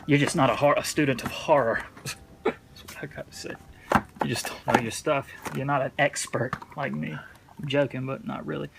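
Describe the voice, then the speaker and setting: Male horror-collector vlogger, mid-range voice, loose jokey delivery full of slang and swearing, clear background noise. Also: mid-range voice. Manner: slangy, heavy cursing, jokey. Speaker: horror film collector presenting a video. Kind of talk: casual rambling movie review.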